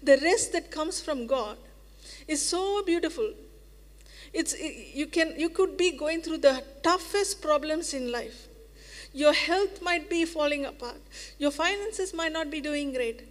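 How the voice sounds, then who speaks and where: A woman's voice: sits high, unhurried. A woman preacher giving a sermon in an earnest, reassuring way, repeating phrases for emphasis. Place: church hall. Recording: reverberant church hall.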